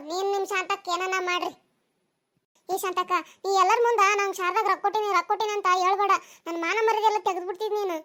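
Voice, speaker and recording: A woman's voice: extremely high pitch, pushed and bright. A woman voicing a defensive village woman who owes money, with a North Karnataka Kannada accent. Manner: snappy, defensive.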